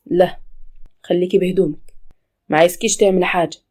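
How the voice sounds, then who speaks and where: A woman's voice: fairly low pitch, fairly even intonation, fast talker, darkish tone, close to an everyday voice. A woman voicing a stern, threatening male police officer in a storybook tale. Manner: menacing, interrogating.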